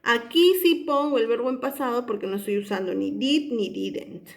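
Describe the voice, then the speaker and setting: A woman, an English teacher explaining homework step by step into a phone she holds, slowing down to spell out each English example. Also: fairly high pitch, vocal fry. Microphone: phone held in hand.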